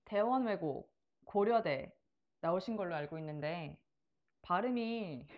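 A woman's voice: fairly low pitch, expressive, unhurried, highs cut off. A woman in her thirties asking questions in a casual, conversational interview. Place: small living room, on a sofa indoors.

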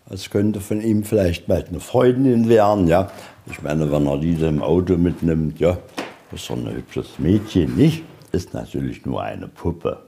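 A man with a low, mellow voice leads visitors around inside a museum, recorded on location. He tells anecdotes in an informal, folksy, rambling way and tags his sentences with "ja".

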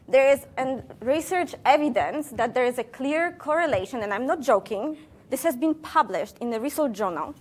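A woman scientist giving a public science lecture with a somewhat high voice. She talks playfully, throws questions at the audience and slips jokes in between the facts. Her delivery is animated and conversational.

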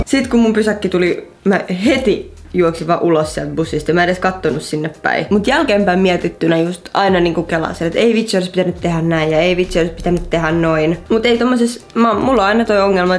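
Chatty young woman telling stories. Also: lowish voice. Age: around 20. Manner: chatty, animated storyteller. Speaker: vlogger. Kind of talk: casual storytelling vlog.

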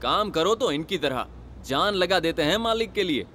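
An actor dubbing a gentle, cheerful young village man in a Hindi film, talking earnestly. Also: high-pitched, animated, moderate pace, a little hiss or hum. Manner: soothing, earnest. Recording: film soundtrack with loud music.

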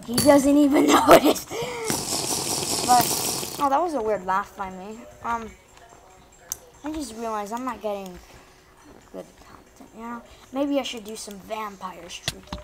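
A woman's voice: mid-range voice, unhurried, pauses often. Woman, casual game commentary, rambling, self-deprecating, heavy background hiss. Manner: rambling, self-mocking, chatty. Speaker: gaming YouTuber.

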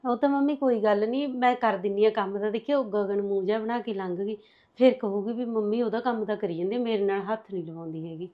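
An actress playing a soft-spoken young wife who misses her husband, in a short drama. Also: mid-range voice, quick pace, close to an everyday voice. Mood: subdued. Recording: dull lo-fi sound.

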